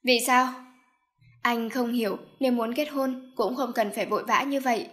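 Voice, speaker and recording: A woman narrating an audiobook in a steady storytelling manner. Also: fairly high pitch, fairly quick. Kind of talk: scripted narration.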